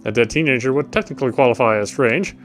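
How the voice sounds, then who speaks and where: Over light background music, a male let's player reads game narration aloud quickly in a medium-pitched, slightly bright voice. His comments are casual, and he occasionally stumbles on words.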